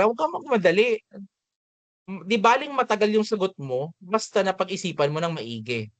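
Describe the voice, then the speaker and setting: A male teacher with a Filipino accent talks through a lesson in a relaxed, conversational way, moving between Tagalog and English. His voice sits a little high, and the recording is close and dry with no room sound. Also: no room sound. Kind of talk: spoken lecture.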